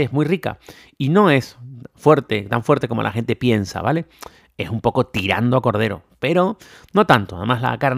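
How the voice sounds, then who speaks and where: Gravelly Tenerife man, chatty podcast host. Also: mid-range voice, no echo, clean studio sound. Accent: mixed Canarian and peninsular Spanish. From Tenerife, Canary Islands. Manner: chatty, enthusiastic, many fillers and tag questions. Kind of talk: casual solo podcast talk.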